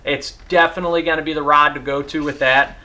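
Bright-voiced man reviewing fishing gear. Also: fairly high pitch, fairly even intonation, quick pace. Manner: enthusiastic, hands-on demonstrating. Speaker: fishing channel host. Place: garage with boat and rods.

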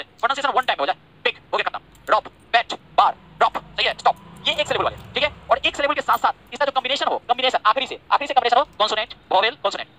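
A man races through an online grammar lesson at a breakneck pace. His voice is bright and forceful. He keeps repeating points and checking that his students follow, and he drops in teasing, chatty asides. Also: high-pitched. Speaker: English grammar teacher.

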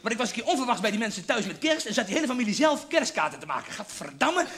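A man's voice: very high voice, sing-song, racing, a crowd in the background, background noise. A man telling a rambling, crude story as a stand-up comedian on a theatre stage before an audience. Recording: live show with audience laughter.

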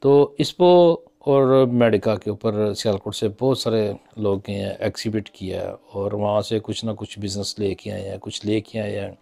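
A man's voice: lowish voice, creaky, a little mellow. Man, middle-aged, from Pakistan, casual talk to camera, conversational, lots of fillers, small office, phone camera. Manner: conversational, musing, with many fillers and hand gestures. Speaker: business commentator. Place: small office with framed certificates on the wall.

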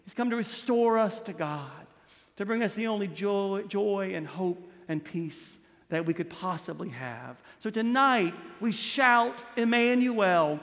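A man in his thirties, a priest delivering a Christmas Eve homily with impassioned preaching, dropping low and soft on key words. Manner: gestures broadly while standing at a lectern. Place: large stone church, indoors. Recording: long church reverb.

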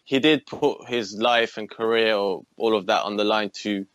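A man in his twenties from Iran, a podcast guest, telling his story with many pauses and restarts. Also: fairly low pitch, fairly bright tone, no room sound, highs cut off. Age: 20s. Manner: hesitant, with frequent ums and restarts. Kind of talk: casual interview talk.

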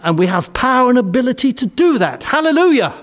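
An older man with an English accent preaching a sermon in a church hall on a headset mic, earnest and emphatic, often dropping to soft, quiet phrases. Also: very high voice, sing-song, quick pace.

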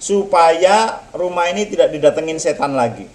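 A man's voice: animated, normal speed, lightly acted. A man voicing a frightened young man who cries out for help in a children's Bible story. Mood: pleading. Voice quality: high, shouting and pleading.

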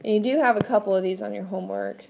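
A woman's voice: medium pitch, very fast, gravelly, noisy background. A woman teaching a math class step by step in a patient, instructive way, often asking questions to check understanding. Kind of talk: classroom lesson, explaining step by step.

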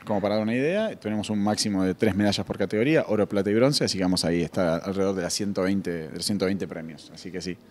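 A man at a festival interview, explaining things in a measured, explanatory way. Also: sits low, darkish tone. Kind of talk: casual interview. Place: festival hall, indoors.

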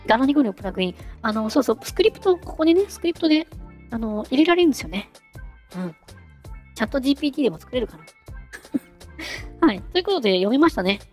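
A woman hosting a casual software tutorial, chatty and giggly, talking her way through a live demo. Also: a little high, big pitch swings, quick pace, pauses often, big-room sound, faint music behind. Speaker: VTuber host teaching singing-synth software.

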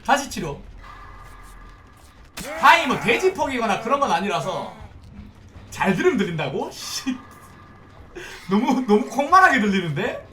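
A young male streamer with a high, lively voice, commenting on his horror game with excitable outbursts, curses and loud pleas to teammates. His bright tone sits a little far from the mic in a roomy space with faint noise behind. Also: a little slow, pauses often. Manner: excitable, swears often, pleads loudly with teammates. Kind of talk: live gameplay commentary.

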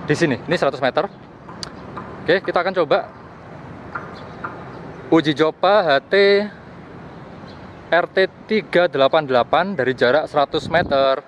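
A young gadget vlogger with a fairly high-pitched voice and lo-fi sound walks around outdoors, casually talking through a field test and repeating himself. He's in open plazas, a park and streets. A camera at arm's length records him along with the noisy street and park ambience.

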